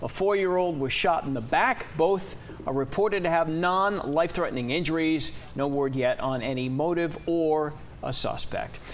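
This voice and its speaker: A man's voice: a little high, moderate pace, a little hiss or hum. A man with an American accent reads scripted television news as an anchor.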